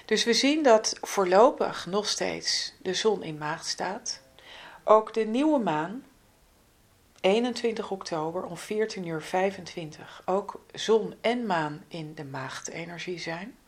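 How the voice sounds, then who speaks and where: A woman giving a spiritual astrology forecast as a guide, gentle, unhurried and instructive, often dropping into a breathy near-whisper at the ends of phrases. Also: medium pitch, animated.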